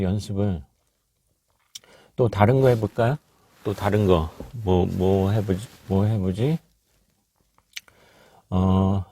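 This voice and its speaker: A man teaching English in a casual podcast lesson, halting with many fillers and slowly repeating practice phrases. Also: lowish voice, dark tone.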